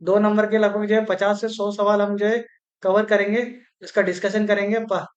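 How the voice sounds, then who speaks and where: A teacher giving an exam-prep grammar lesson, slowly repeating words and spelling out their syllables, often mixing English words into Hindi. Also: medium pitch, flat delivery, highs cut off. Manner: slow, repetitive, spells out syllables.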